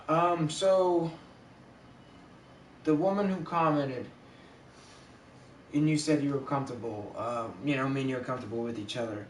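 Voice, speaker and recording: A man's voice: mid-range voice, measured pace, long pauses. A man hosting a casual livestream chat. He rambles with many fillers and restarts, and his voice comes through with heavy echo from a camera mic set away from him. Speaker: livestream host. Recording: echoey, distant camera mic, faint background noise.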